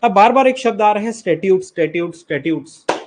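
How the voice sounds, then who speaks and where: Indian man, law lecture, high voice, asks and answers his own questions, switches between Hindi and English. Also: animated, noisy background. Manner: slows down to read definitions aloud. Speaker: law teacher. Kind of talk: classroom lecture.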